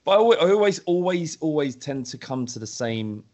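A man's voice: fairly high pitch, very animated, fairly quick, a little mellow. A man interviewing someone in an informal, conversational and slightly hesitant way.

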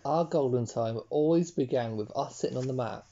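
A young man chatting casually, jumping in often and trailing off into low mumbles. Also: fairly quick, dark tone, dull audio. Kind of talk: casual chat.

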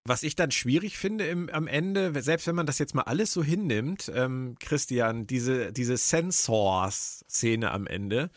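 A man in casual conversation who keeps steering the talk with pointed questions to the others. His voice is close and dry, with no room sound around it, and his pitch sits in a middle register. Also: expressive, a little slow, hardly any pauses, no room sound. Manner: probing, poses questions to co-hosts. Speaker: podcast host. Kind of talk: casual discussion.

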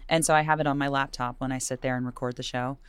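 A woman with a husky voice and some vocal fry, chatting casually in an interview about her work. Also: fairly even intonation, fast talker, dry recording. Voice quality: low-pitched vocal fry. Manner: chatty, conversational. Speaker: radio host and classical singer, being interviewed. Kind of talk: casual chat.

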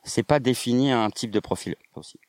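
A man's voice: medium pitch, brisk, a little mellow, dry recording. A man who trains and organizes slackline, answering interview questions in a rambling way full of fillers. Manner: rambling, many fillers and restarts.

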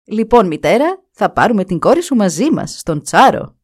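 Stern royal councillors from a fairy tale, formal and insistent, raising their voices high and firm, as a woman narrator plays them. Their lines jump brightly up in pitch with a lively, animated lilt. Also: slightly rough.

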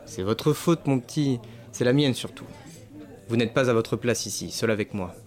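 A protective gentleman companion, played by a man, who speaks in a measured, gently reproachful tone. His voice sits at a middling pitch and stays composed. It is radio-play acting. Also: close to an everyday voice.

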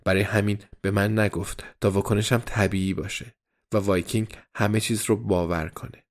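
Low-voiced man narrating a diary. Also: steady tone. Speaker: audiobook narrator. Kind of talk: scripted first-person diary narration.

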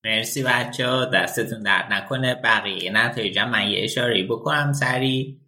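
A man hosting a football podcast, running briskly through match results and handing over to guests. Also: medium pitch, sharp tone. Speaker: host.

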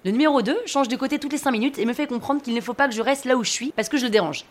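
A woman telling a funny story about herself at a brisk clip, her voice a little high. Her narration is scripted and wry, full of self-mocking asides. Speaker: podcast storyteller.

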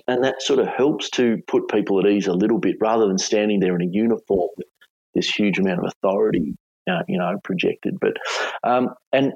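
A middle-aged man with an Australian accent, telling a story conversationally as an interview guest, in a casual, hesitant way with halting phrasing. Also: fairly low pitch. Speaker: former police hostage negotiator, interview guest. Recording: dull, echoey room recording.

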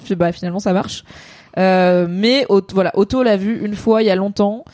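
Woman, casual stream co-host, chatty, rambling digressions, filler words, dry close-up sound, mid pitch. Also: fairly even intonation, normal speed, darkish tone, no room sound. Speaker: co-host of a series debrief stream. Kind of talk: casual chat.

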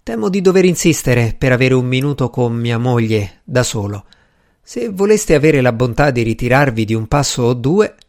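A man reading a novel aloud, voicing a gentleman who keeps a stiff, formal politeness while his patience wears thin. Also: medium pitch, sing-song, normal speed, natural voice. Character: English gentleman magician, formal and strained.

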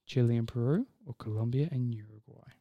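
A man with a gravelly edge to his voice, co-hosting a casual podcast. He reads quiz questions aloud in a playful, joking way and chats loosely with his co-host. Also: medium pitch, a little fast, mellow. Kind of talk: casual chat.

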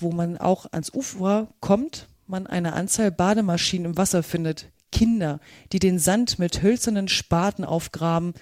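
A woman reading a storybook aloud in a calm, measured narration. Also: fairly low pitch, dry recording. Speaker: audiobook narrator. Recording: dry close recording.

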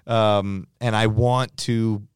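A man hosting a podcast, talking easily and thinking out loud in casual conversation. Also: lowish voice, level tone, slow, clear, resonant tone, no room sound, studio quality. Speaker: podcast host.

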